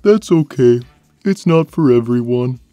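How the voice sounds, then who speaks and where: A woman voicing a big, gentle, simple-minded male cartoon cat with a placid, deadpan manner. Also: very deep voice, no echo. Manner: placid, deadpan, plain and slow. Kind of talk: animated character Q&A, fan dub.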